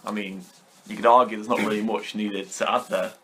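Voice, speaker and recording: A man from Britain co-hosting a football podcast, giving short agreements and measured opinions. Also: fairly low pitch, little pitch movement, bright, forceful tone. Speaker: podcast co-host. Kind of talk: casual chat.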